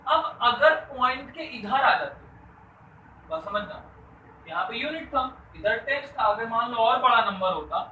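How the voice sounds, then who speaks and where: A man's voice: very high voice, lively intonation, unhurried, sharp tone, highs cut off. A man teaching a school math lesson, asking the class questions and answering them himself, mixing English math terms into his talk. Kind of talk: classroom lesson explaining to students. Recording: echoey room, voice a bit distant from the mic, faint background noise.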